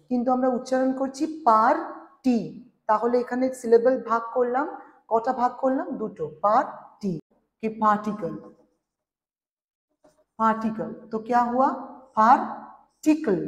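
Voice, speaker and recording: A woman teaching an English grammar lesson, slowly sounding out words syllable by syllable and switching between languages. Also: a little high. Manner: slow, drawn-out spelling and syllable counting. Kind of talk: classroom lesson. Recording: echoey room with long reverb.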